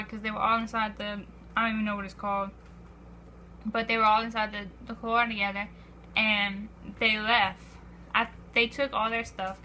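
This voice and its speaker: A teenage girl telling an excited vlog story, breathless and full of "I was like", acting out quotes. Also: mid-range voice, a little hiss or hum. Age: teens. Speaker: vlogger.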